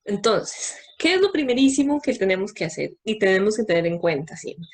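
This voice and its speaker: A woman's voice: mid-range voice, sing-song, fairly quick, a little mellow, breathy edge. A woman giving a talk to parents, explaining step by step and answering her own questions.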